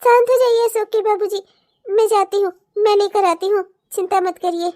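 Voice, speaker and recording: A woman's voice: very high-pitched, little pitch movement, normal speed, dark tone. A woman voicing a frail old mother-in-law with aching legs who keeps calling out and pleading. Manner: pleading, calls out repeatedly. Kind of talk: cartoon voice acting.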